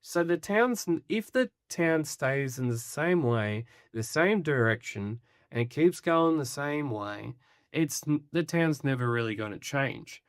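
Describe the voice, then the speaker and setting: A man talks through a comic book review in a loose, rambling way, often restarting his sentences. He speaks slowly at a mid pitch. The sound is dry and close, with little room in it. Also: animated, clear, resonant tone, no echo. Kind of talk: casual spoken review.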